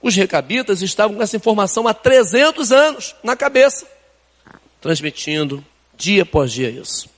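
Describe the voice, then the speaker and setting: An older pastor with a Brazilian Portuguese accent preaches a sermon in a church sanctuary, his high-pitched voice very animated at a moderate pace and sounding like it fills a big room. His style is conversational, full of rhetorical questions and casual asides.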